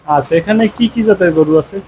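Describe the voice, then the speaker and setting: A man with a Bangladeshi accent hosts a farming programme on location, opening with a scripted-sounding welcome before interviewing people and often repeating their answers back. His voice sits high, with a warm tone and a fairly quick pace, and the farm recording is noisy.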